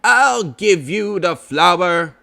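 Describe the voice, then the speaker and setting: A man's voice: high-pitched, animated, very slow, gravelly, pushed and bright, exaggerated voice. A man voicing a fussy, knowing, matter-of-fact rabbit in a children's storybook.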